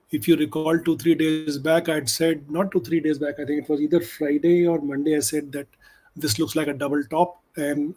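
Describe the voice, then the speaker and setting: Here the same kind of speaker appears: a stock options trader, Hindi his first language, Indian-accented, delivering emphatic market commentary that moves between English and Hindi. His voice sits fairly high with a darkish tone, and the recording is rough.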